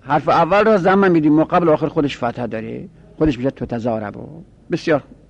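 Methodical male teacher, fairly high voice. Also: vocal fry, breathy edge, muffled recording. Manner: methodical, repeats each rule. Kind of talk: lecturing on Arabic grammar.

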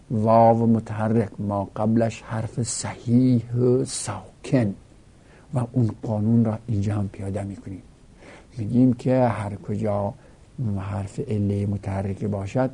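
A man's voice: fairly low pitch, dark tone, breathy edge. A male teacher giving a grammar lesson, explaining step by step and reciting verb conjugations in a rhythmic drill. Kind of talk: Arabic grammar lesson taught in Persian.

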